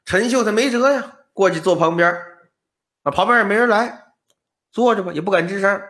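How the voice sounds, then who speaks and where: A man telling an old ghost tale in a casual, animated way. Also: high voice, brisk. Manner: conversational, animated storyteller. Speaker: storytelling podcast host.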